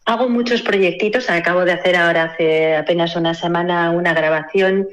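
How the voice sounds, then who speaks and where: A middle-aged woman from Spain with a Spanish accent, a guest in an interview who tells lively stories and acts out the voices she quotes. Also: on the low side, fairly quick, slight background noise, poor audio. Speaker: guest, voice actress. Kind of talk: interview over a call.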